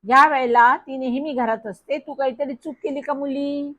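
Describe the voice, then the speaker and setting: A woman voicing a shrill, scolding middle-aged aunt who shrieks and accuses down the phone. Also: steady tone, normal speed, a bit bright, dull audio.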